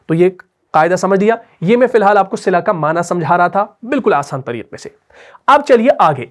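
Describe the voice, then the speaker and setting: Man, Pakistani Urdu accent, Quran teacher, patient, repeats rules, asks questions. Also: sits high. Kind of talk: tajweed lesson explained while writing on a board.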